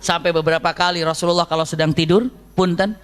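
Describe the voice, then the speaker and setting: Male preacher, high voice, animated storytelling sermon. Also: fast. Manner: lively storytelling, acts out quoted voices, frequent laughter.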